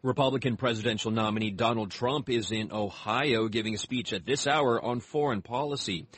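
A man with a husky voice reading a scripted radio news bulletin as an anchor. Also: mid-range voice, fairly quick, fairly bright tone.

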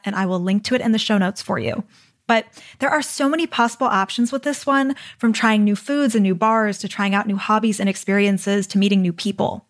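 A woman hosting a solo podcast, reading a script in an upbeat, encouraging, conversational way. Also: mid-range voice. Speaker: podcast host.

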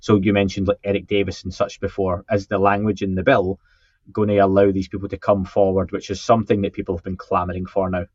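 A man with a fairly low voice chats casually as a podcast co-host, cracking dry, self-deprecating jokes and stumbling over repeated words. The recording is dry but dull and muffled, as if the mic were not set up right. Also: little pitch movement, fast talker, darkish tone, husky, dry recording. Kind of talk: casual podcast chat, reading listener comments. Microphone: podcast microphone with a faulty setup.

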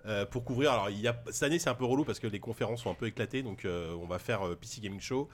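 A man's voice: lowish voice, fast talker, a little hiss or hum. A man hosting a podcast in casual chat, joking and reading listener messages aloud. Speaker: podcast host. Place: studio in Paris.

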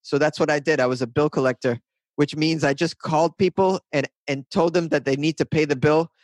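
There's no echo as this man from north of Boston, USA, in his thirties, chats as a guest in a casual interview. He rambles and puts himself down, speaking briskly in a fairly high, steady-toned voice.

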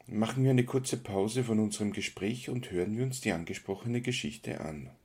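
Brief: male radio host, very low and husky, measured presenting and interviewing. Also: darkish tone.

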